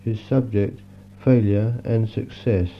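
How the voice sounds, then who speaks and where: Old 60s tape, guy announcing a talk real formal, flat low voice, bit of hiss. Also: takes it slowly, lo-fi sound. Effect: old 1960s tape recording. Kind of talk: formal recorded introduction.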